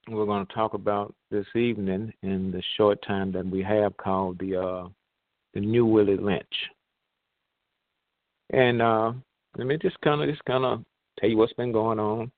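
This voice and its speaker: A man hosting an online radio talk show, heard over a phone line, speaking in a measured way with pauses and fillers. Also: on the low side, no echo. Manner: measured, pausing, with many fillers. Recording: tinny, dry phone line.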